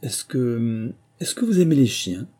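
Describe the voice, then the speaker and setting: A man's voice: medium pitch, big pitch swings, a little slow, warm tone. A man voicing Alice, a curious and polite young girl, in a storybook reading, with a raised, eager and pleading tone. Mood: hesitant.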